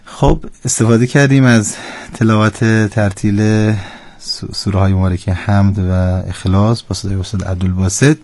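A man on a radio lesson show, patient teacher voice, explains slowly step by step, very dry close studio sound with no room at all, just him and the mic in a quiet booth, calm and steady pace throughout. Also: fairly low pitch, dry recording. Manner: patient, correcting pronunciation step by step.

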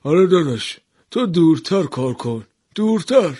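A man's voice: on the high side, sing-song, mellow, slightly rough, voice pushed up. A man voicing a frantic middle-aged male repairman who pleads and cries out shrilly. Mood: pleading.

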